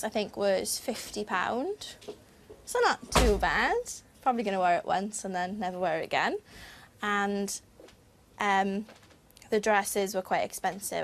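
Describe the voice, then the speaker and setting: A woman's voice: mid-range voice, a little hiss or hum. Young woman. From Wales. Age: young adult. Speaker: pageant contestant. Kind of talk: casual documentary interview.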